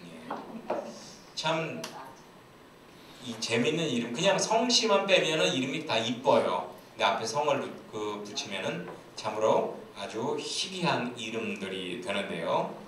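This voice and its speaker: In a church sanctuary, a man preaches as pastor, joking around and telling playful stories. His mid-range voice swings widely in pitch, runs a little slow, and sounds a bit bright. The recording has heavy hall echo, a distant mic, and faint hiss.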